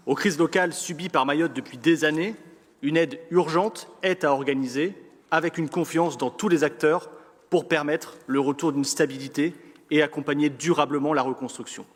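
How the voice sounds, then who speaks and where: A man with a French accent from France reads a formal political speech as an elected councillor, in a measured, rhetorical manner with deliberate pauses. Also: on the high side, fairly even intonation. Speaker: elected local councillor giving an opening speech. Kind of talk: formal political speech read from prepared text. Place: large council chamber. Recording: reverberant hall sound.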